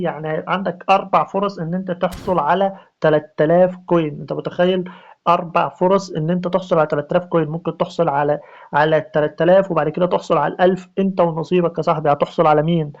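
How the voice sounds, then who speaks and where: A man with an Egyptian Arabic accent giving excited, repetitive gameplay commentary on a mobile football game. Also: a little high, muffled recording. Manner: rapid, repetitive, hyped street slang.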